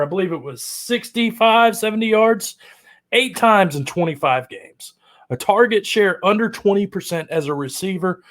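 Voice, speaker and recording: A high, bright-pitched man hosts a fantasy football show and rattles off opinions in quick, slangy bursts. He keeps the energy up with casual banter throughout. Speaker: fantasy football podcast host. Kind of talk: casual hyped-up podcast chat.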